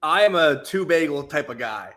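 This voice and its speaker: A man's voice: a little high, animated, normal speed, fairly bright tone. Man, podcast guest, casual chat, easygoing, wry.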